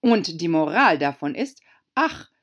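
A woman's voice: lowish voice, sing-song, measured pace, a bit bright, husky, highs cut off, heavily acted. A woman voicing a fussy, moralizing old Duchess with a pompous, sing-song manner. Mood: preachy.

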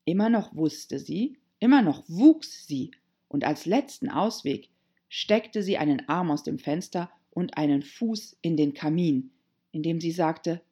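A woman narrating a children's storybook in an expressive reading voice. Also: sits low, measured pace, husky.

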